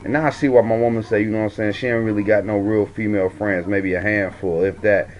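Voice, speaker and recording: A man's voice: lowish voice, steady tone, fast talker. Blunt, profane man ranting. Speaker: show host reviewing a TV show. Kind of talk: casual ranting commentary.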